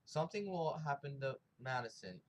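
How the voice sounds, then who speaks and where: A slangy young man reviews a TV episode in a rambling, casual recap, acting out the characters' lines. His mid-range voice has lively intonation and a moderate pace, captured on a rough recording.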